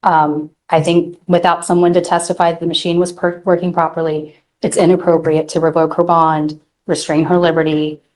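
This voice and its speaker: A woman's voice: fairly low pitch, little pitch movement, normal speed, few pauses, a little mellow, low-quality recording. A woman defense attorney arguing methodically before a judge, heard in a courtroom recording. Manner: formal, methodical, presses point by point. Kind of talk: courtroom legal argument.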